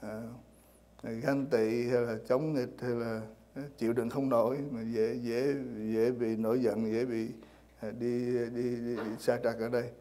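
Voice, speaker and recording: Hesitant man preaching with a mellow voice. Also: medium pitch, level tone, unhurried. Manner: hesitant, many fillers and repeated words. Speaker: pastor. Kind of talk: sermon. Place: church.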